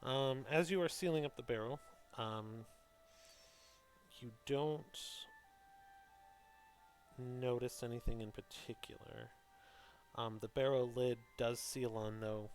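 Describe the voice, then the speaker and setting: Male game master, average pitch, casual explanatory tabletop narration, slightly hesitant. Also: fairly even intonation, slow pace, long pauses, soft background music.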